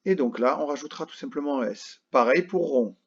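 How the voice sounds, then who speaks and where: A man with a slightly husky voice teaches a recorded lesson to young children. He speaks slowly and patiently, spelling words out letter by letter and checking in often. The sound is a little dull and lo-fi. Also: mid-range voice, animated. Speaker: primary school teacher.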